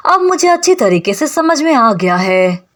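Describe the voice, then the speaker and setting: A proud young noble lady speaks in a recap of a comic story, voiced by a woman. She sounds cold and accusing. The pitch is fairly high and moves a lot. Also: very animated, unhurried.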